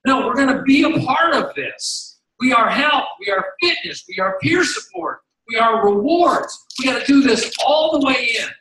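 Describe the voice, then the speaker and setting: A man's voice: very high-pitched, expressive, moderate pace, hardly any pauses, pushed and bright. A middle-aged man giving an emphatic motivational stage speech to coaches, repeating his slogan and acting out voices in his stories. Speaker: company executive addressing coaches. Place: large hall, on stage. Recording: echoey hall, voice from far off.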